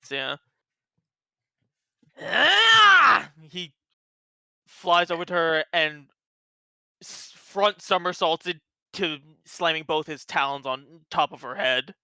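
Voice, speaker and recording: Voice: medium pitch, unhurried, sharp tone, clean tone, dry recording. A player in a tabletop game, talking casually and narrating their character's actions.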